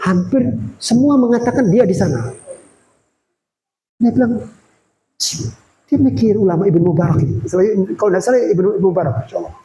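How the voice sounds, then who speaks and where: A man giving a sermon as a visiting preacher in a small prayer room, telling a story in a lively way and acting out the quoted dialogue. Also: high-pitched, brisk, long pauses, rough recording.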